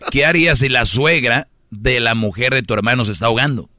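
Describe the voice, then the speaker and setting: A man's voice: medium pitch, brisk, pushed and bright, a little hiss or hum. A man teasing a friend bluntly in casual talk.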